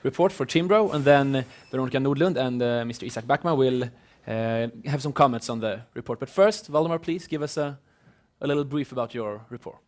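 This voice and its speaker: A man with a Swedish accent, moderating a seminar and introducing the speakers in quick, halting sentences. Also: medium pitch.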